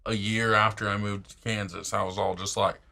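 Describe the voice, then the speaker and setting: A man's voice: fairly low pitch, brisk, vocal fry. A young man from Tennessee, co-hosting a podcast in blunt, profane casual chat. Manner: blunt, profane, animated storyteller. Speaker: podcast co-host.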